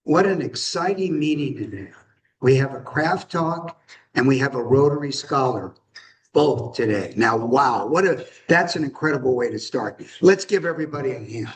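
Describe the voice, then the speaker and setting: A man running a club meeting in a relaxed, joking way, welcoming members and guests. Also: medium pitch, far from the mic, noisy background. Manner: relaxed, joking, slow-paced. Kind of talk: casual meeting chat.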